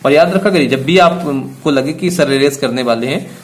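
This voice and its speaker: A man's voice: mid-range voice, moderate pace. A man teaches grammar in Hindi, with English words spoken in an Indian accent. He keeps posing a question and then answering it himself, patiently repeating points for students. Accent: Indian English words in Hindi speech. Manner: repetitive, asks and answers own questions.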